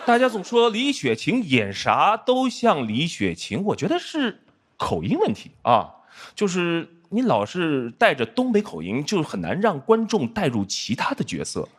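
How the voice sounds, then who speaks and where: A man's voice: a little high, huge pitch swings, moderate pace. Self-mocking middle-aged man doing a roast. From Shanghai, China. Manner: self-mocking, punchline-driven delivery. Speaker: roast guest comedian and actor. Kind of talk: roast stand-up set. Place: studio stage before a live audience. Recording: loud audience laughter and noise.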